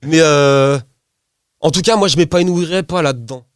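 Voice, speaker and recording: Slangy, animated man with a cold. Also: on the high side, moderate pace, clean tone, no echo, clean studio sound. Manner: animated, rambling, laughs often, slangy. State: has a cold. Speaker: rapper, interview guest. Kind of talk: casual interview chat.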